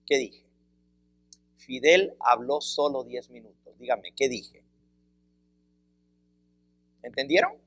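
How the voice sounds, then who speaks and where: A man leads a Bible seminar at a slow, measured pace, repeating each key phrase so the point lands. His voice sits at an ordinary pitch and sounds dry and close, with almost no room around it. He keeps turning to his listeners with questions. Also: fairly bright tone, dry recording. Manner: asks the audience questions and explains with examples; deliberate, repeats phrases for emphasis. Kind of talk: Bible study lecture.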